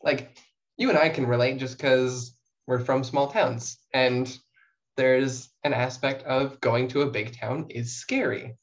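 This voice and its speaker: A young woman who writes short stories talks as a podcast guest, chatty and self-reflective. Her voice is a rumbling low with a steady tone, a little slow, and the audio is dull.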